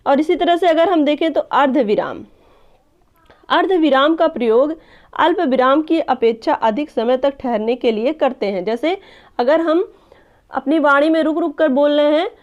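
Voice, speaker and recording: A woman teacher giving an online lesson, explaining step by step, addressing viewers as friends and often checking with "clear?". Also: high voice, animated, normal speed, a little mellow. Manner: checks understanding with a repeated "clear?". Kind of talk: online exam-prep lesson. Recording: dull lo-fi recording.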